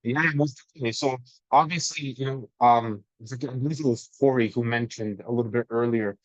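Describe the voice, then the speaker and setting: A man's voice: mid-range voice, a little fast, dry recording. A man from Canada, a mortgage broker, introducing himself on a group video call, talking conversationally and often restarting words, his sound muffled through headphones. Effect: muffled conference-call audio through headphones. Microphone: headphone mic on a video call.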